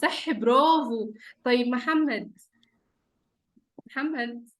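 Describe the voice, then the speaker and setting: High-voiced Egyptian woman teaching small children. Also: slow, slight background noise. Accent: Egyptian Arabic. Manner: talking as to small children: simple questions, repeats, praise, coaxing. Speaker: teacher leading an online class of young children. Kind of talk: interactive lesson for small children. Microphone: computer or phone on a video call.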